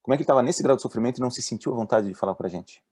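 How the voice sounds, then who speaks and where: Fast-talking Brazilian doctor giving a talk. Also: male voice, medium pitch, breathy edge, no room sound, clean studio sound. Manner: lively storyteller, voices the people in his stories. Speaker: doctor giving a talk on mental health at work. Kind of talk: presentation with acted-out anecdotes.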